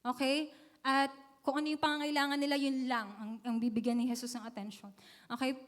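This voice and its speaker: Woman, Filipino accent, high voice, sermon, switches between Tagalog and English. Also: level tone, brisk. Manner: mixes Tagalog and English, frequent "okay?" and "amen?" checks. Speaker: preacher.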